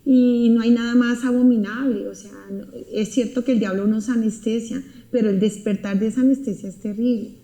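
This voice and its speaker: A woman's voice: fairly high pitch, fairly even intonation, brisk, few pauses, warm tone. A woman giving an emotional personal testimony, talking earnestly and intensely and repeating her words. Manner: earnest, intense storytelling with repetitions. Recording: roomy echo.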